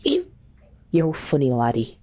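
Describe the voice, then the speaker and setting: An older man with a hoarse voice, chatting folksily on a phone call and calling people laddie. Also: a little high, wildly swooping pitch, measured pace. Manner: folksy, calls everyone laddie. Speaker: caller. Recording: tinny phone line, faint noise.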